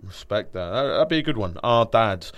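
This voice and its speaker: Young english guy from norfolk, swears nonstop, laughs loads, bright lively voice. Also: on the low side, moderate pace. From England (Norfolk). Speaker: podcast co-host. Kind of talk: casual chat.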